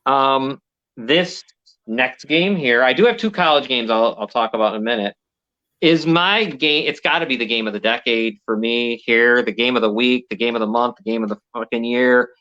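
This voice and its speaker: Bright-voiced man talking football picks. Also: mid-range voice, normal speed, lo-fi sound. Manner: rambling, restarts thoughts, swears casually. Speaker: sports betting podcast co-host. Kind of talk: casual sports picks chat.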